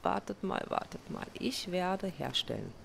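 Gravelly and sing-song, her lowish voice moves at an unhurried pace while she crafts and plays a survival game, talking casually to herself. She hosts gaming videos, does relaxed let's play commentary, often teases herself, and the recording has slight background noise.

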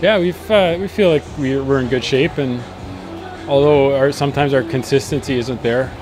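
A man's voice: mid-range voice, normal speed. Hockey player in his thirties, earnest and upbeat post-game, handheld mic outdoors at night, music behind. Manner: earnest, upbeat, frequent fillers. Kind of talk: post-match interview. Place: outdoors at night beside an arena. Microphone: handheld interview mic.

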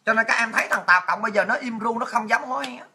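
Fiery, very sharp-voiced woman. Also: fairly high pitch, fast talker, slight background noise. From Vietnam. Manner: blunt, crude, fiery, swears a lot. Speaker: political commentator. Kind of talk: impassioned political rant to viewers.

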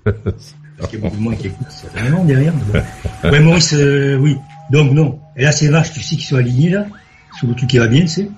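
A man from southwest France calling in to a radio show, telling stories in an excitable, effusive way. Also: medium pitch, fairly quick, highs cut off, soft background music. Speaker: caller. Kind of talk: phone-in chat.

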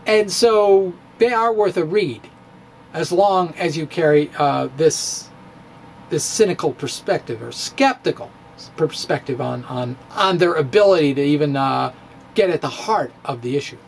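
In a small room before bookshelves, a middle-aged man at a studio mic on a stand performs his own physics blog with wry, theatrical drama and playful asides. His voice is a little high and unhurried, with vocal fry and slight background noise.

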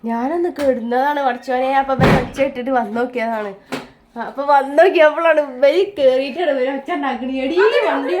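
A woman with a high voice talks fast to her viewers in a family vlog, chatty and ending her remarks with soft tags. There is background noise.

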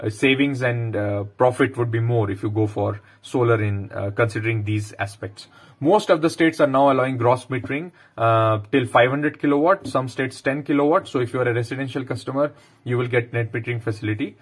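A man in his thirties with an Indian English accent, explaining a topic to camera and pausing often on "uh". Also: mid-range voice, breathy edge. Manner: explanatory, frequent "uh" fillers. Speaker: power sector consultant. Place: bedroom, indoors.

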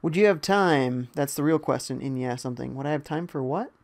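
A man's voice: mid-range voice, a little fast, creaky. A young man casually commentating a live game stream, reading viewer chat aloud and reacting to the gameplay. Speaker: gaming streamer.

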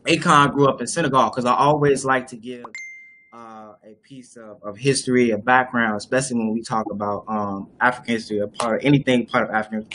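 A man's voice: mid-range voice, steady tone, brisk, fairly bright tone, slight background noise. A young man hosting a casual discussion on a live video call, explaining at length with many fillers and restarts. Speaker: host. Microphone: webcam on a video call.

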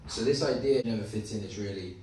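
Male, 20s, lowish voice, open mic speaker with stage fright, informal and rambling, recorded in a very reverberant room. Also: quick pace, a little mellow. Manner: informal, rambling, earnest with swearing. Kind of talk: live spoken piece to an audience. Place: small indoor open mic venue. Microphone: handheld mic, filmed by phone from audience. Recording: echoey room from far off, faint noise.

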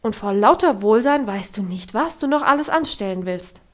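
A woman's voice: medium pitch, animated, moderate pace, lightly acted. A woman voicing a strict, easily outraged housekeeper in an audiobook, scolding in indignant outbursts. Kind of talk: audiobook reading.

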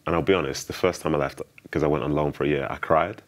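A man's voice: extremely low pitch, fairly even intonation, fast. A man, conducting a conversational sit-down interview. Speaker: interviewer and former player. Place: indoor studio on a sofa.

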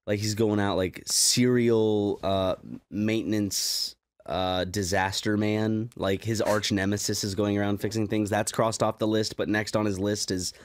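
Sarcastic podcast co-host man. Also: lowish voice. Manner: sarcastic, quick deadpan quips. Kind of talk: casual chat.

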